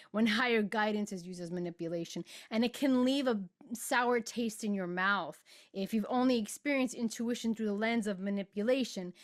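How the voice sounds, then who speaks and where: A middle-aged woman hosting a podcast and giving an earnest, emotional spiritual monologue, stretching out words for emphasis. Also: mid-range voice. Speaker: podcast host and spiritual guide.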